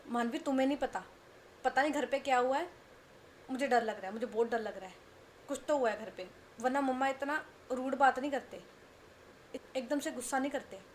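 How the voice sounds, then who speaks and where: Panicky scared young woman as a narrator puts her on, rushed pleading, slightly high voice, storybook telling. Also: steady tone, slight background noise, close to an everyday voice. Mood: panicked. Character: panicky young woman afraid of strict family.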